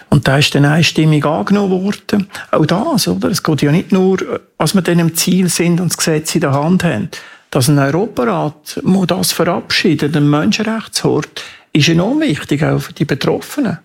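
Male campaigner interviewee, Swiss German accent, creaky rasp, slightly high voice, earnest and emphatic. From Switzerland.

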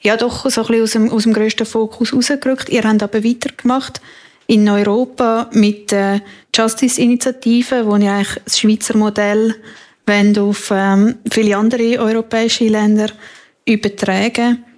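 A woman's voice: a little high, level tone, normal speed, a little mellow. A woman with a Swiss German accent asking conversational interview questions, hesitantly feeling her way through them.

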